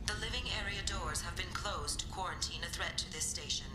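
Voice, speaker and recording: A stern female security computer that runs a space station in a video game, giving cold, formal announcements through an echoing loudspeaker. The voice sits fairly low and rings through a roomy space, with game music playing under it. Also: brisk.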